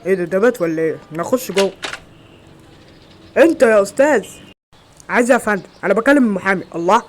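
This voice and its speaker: A man with an Egyptian Arabic accent acting several everyday roles in a homemade skit, with quick, exclamatory lines. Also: sits high, a little hiss or hum, lightly acted. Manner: quick, loud, exclamatory dialogue. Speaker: amateur actor.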